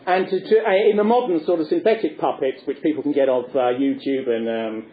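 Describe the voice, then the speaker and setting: A man's voice: a little high, fairly quick. A man giving a discursive lecture in a wry, erudite, digressive manner. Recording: echoey tinny phone-like recording.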